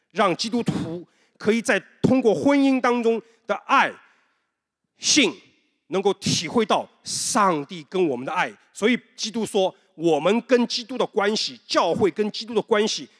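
High-voiced pastor preaching in a reverberant hall. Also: male voice, a bit bright. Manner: conversational storytelling with rhetorical questions; mixes in English terms. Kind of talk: sermon.

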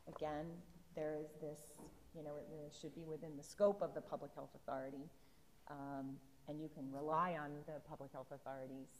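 A middle-aged woman with a lower voice lays out rules on a panel, careful and precise. She talks through a lapel mic on a stage, and her voice trails off into the long reverb of a big hall. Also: level tone, brisk, darkish tone, slight background noise. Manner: careful, legal-minded, explanatory. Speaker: federal privacy regulator on a panel. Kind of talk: panel discussion. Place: conference stage in a large hall.

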